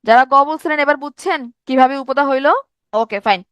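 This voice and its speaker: High-voiced woman teaching a lively class. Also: a little fast, no room sound. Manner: lively, quizzing students, teasing. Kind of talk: online grammar lesson.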